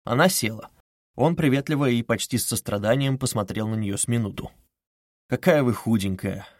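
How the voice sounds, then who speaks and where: A man narrating a classic novel in steady, even audiobook style. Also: mid-range voice, fairly quick, dry recording, clean studio sound.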